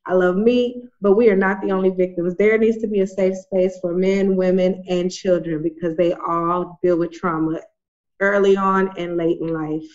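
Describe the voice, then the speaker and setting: A woman's voice: on the low side, fairly even intonation, moderate pace, a little mellow, muffled recording. A woman talking conversationally as a guest, with an emphatic, colloquial way of advocating for her cause. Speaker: organization representative, guest. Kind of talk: conversational talk, impassioned advocacy.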